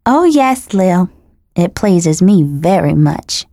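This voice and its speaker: Woman doing soft-spoken cruel boy god, smug, mocking, low mellow tone, dry sound. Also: big pitch swings, takes it slowly, no echo, heavily acted. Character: cruel young boy godling, gleeful, sadistic. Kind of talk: audiobook character voice.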